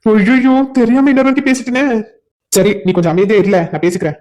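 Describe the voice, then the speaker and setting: A man's voice: high voice, fast, darkish tone. A man with a south Tamil accent voicing characters in a cartoon drama, joking and flustered in turn. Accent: south Tamil Nadu dialect. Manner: joking and flustered, laughs between lines. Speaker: voice actor for a cartoon series.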